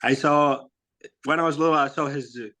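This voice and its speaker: A man, answering interview questions in a halting, casual way with many fillers and soft laughs. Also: a little high, steady tone. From Iraq. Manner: halting, lots of "you know" and "like", laughs softly. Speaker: guest, bodybuilder.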